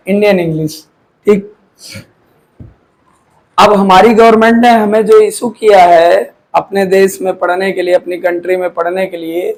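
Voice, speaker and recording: A man whose first language is Hindi gives a classroom lecture in a high voice, posing questions and answering them himself while often repeating key words. The audio is poor.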